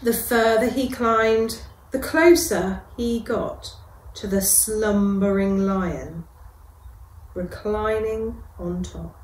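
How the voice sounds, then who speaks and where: A middle-aged reception class teacher with a mid-range voice reads a picture book to children indoors in a school classroom. Her delivery is gentle and expressive, with dramatic pauses, and the room sounds echoey.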